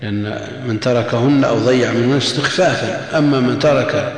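A man giving a measured commentary lesson on a classical text, repeating key phrases and posing rhetorical questions. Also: mid-range voice. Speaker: religious lecturer. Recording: very echoey long hall reverb.

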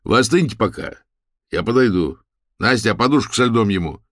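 A man reading an audiobook, voicing a brisk, bossy veterinarian giving orders. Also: low-pitched, gravelly, fairly bright tone, no room sound, clean studio sound, heavily acted. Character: fussy middle-aged vet doctor.

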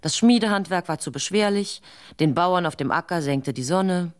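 A woman narrating an old folk tale for radio in a low, unhurried voice. She keeps a dry, wry tone throughout and lets the foolishness speak for itself. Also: animated. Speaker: storyteller.

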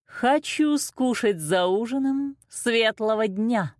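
A woman voicing a cruel old ogress queen who craves human flesh, giving slow, commanding, greedy orders in a storybook. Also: on the high side, expressive, a little mellow, dry recording, clean studio sound, pitched above the performer's own voice. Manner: greedy, commanding, drawn-out demands.

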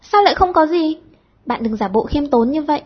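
A woman voicing a bossy teenage schoolgirl who leads her friends, brisk and mock-stern, with a husky tone. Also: high-pitched, expressive, highs cut off, pitched above the performer's own voice. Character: bossy, sharp-tongued teenage schoolgirl leader.

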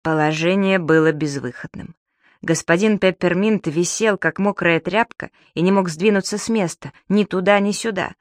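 A woman narrating a children's audiobook in an even storytelling voice. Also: fairly low pitch, normal speed, dry recording, clean studio sound. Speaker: audiobook reader.

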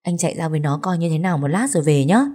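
A woman reading the lines of a caring young husband who worries about his friend, in a low, mellow voice. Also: lively intonation, rapid-fire, husky. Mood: concerned.

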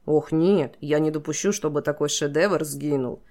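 A woman's voice: sits low, moderate pace, dark tone. A woman playing a drawling, theatrical mad king. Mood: mocking. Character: theatrical, unhinged male king, mocking.

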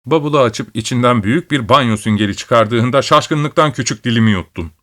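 A man with a medium-pitched voice reads a story aloud like an audiobook narrator. His scripted narration is steady and measured.

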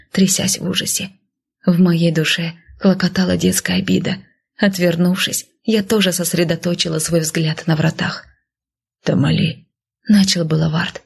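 Woman reading an audiobook in first person, quiet and hushed, husky low voice. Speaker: audiobook narrator.

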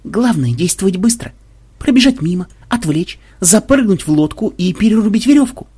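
Man voicing a brisk, practical young woman. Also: sits high, big pitch swings, warm tone, husky, voice pushed up, full character voice. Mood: plotting. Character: quick-thinking young woman teammate, practical planner.

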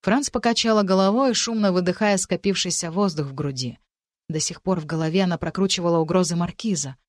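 A woman with a lowish voice narrating a fantasy audiobook at a measured pace. The recording is close and dry. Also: no echo. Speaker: audiobook reader. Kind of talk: scripted narration.

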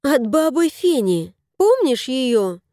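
A woman's voice: sits high, big pitch swings, takes it slowly, dark tone, no room sound, studio quality, voice pushed up, exaggerated voice. A woman voicing a cheerful, affectionate young wife who gushes in exclamations in an audiobook. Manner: gushing, exclamatory.

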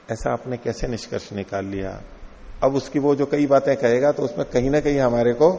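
Gravelly-voiced man lecturing in a hall. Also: mid-range voice, warm tone. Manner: recites verses slowly, then explains with rhetorical questions. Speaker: teacher. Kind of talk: lecture explaining a classical philosophy text. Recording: dull lo-fi recording with long hall reverb.

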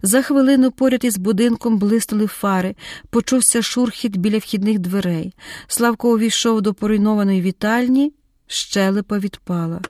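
A woman reading a dramatic audiobook in a measured, vivid storytelling voice. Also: mid-range voice, a little mellow, no room sound, clean studio sound. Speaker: audiobook narrator.

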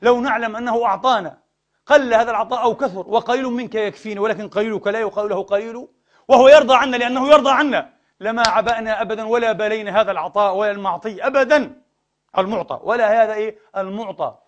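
A man's voice: high-pitched, fast talker, dull audio. A man preaching a sermon, emphatic, asking rhetorical questions and repeating words for stress. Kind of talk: sermon lecture to a congregation.

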